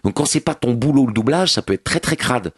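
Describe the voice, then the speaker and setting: A man's voice: medium pitch, lively intonation, brisk, slightly rough, no echo. A man giving a sarcastic, slangy, scathing TV review as a columnist on a radio morning show, recorded in a radio studio.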